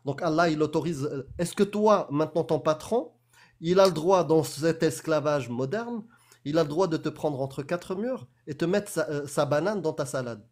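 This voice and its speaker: A man argues in a heated live debate, his voice sitting a little high. He presses and mocks, and he cuts across his opponent. The tone is insistent and combative. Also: moderate pace, darkish tone. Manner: pressing, mocking, talks over the other. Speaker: debate host.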